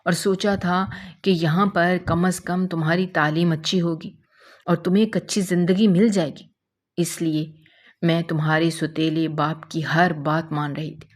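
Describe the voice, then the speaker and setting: A woman's voice: fairly low pitch, steady tone, close to an everyday voice. A woman voicing a loving, protective middle-aged mother who speaks tenderly and reassuringly. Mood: pleading.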